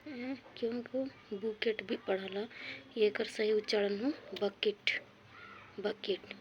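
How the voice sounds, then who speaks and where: A woman's voice: mid-range voice, takes it slowly, dull audio, slight background noise. A woman teaching English pronunciation, drilling words one by one, repeating each and giving its meaning. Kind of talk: spoken lesson on pronunciation.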